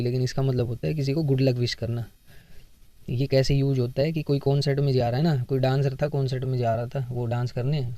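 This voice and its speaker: A man's voice: medium pitch, mellow. A man teaching English vocabulary for exams in a casual lesson, explaining words with memory tricks and acted everyday examples. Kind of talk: casual Hindi exam-prep lesson.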